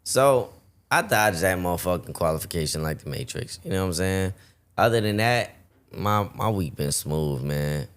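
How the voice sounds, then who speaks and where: A man with a very low voice tells a story on a podcast, cursing freely and getting animated as he acts out the other people. His voice sounds a bit worn, as if he is losing it. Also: normal speed, clear, resonant tone. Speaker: podcast host. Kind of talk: casual storytelling chat.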